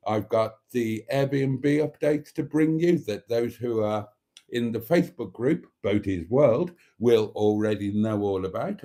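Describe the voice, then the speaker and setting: A man's voice: mid-range voice, dark tone. A British man hosting a live show in a chatty monologue, with a camp, theatrical, effusive and cheeky manner.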